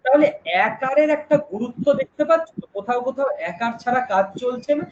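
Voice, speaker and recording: A man runs a live online lesson. He explains in a chatty, lively way and keeps putting questions to his students. The stream sounds dull and lo-fi, with steady noise behind him. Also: extremely high pitch, fast. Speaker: online exam-prep teacher.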